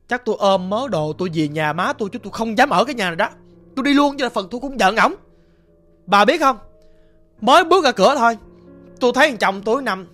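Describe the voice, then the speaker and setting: A woman's voice: mid-range voice, fairly bright tone. A woman with a Southern Vietnamese accent telling a ghost story in a casual, rambling way, often stammering and repeating words.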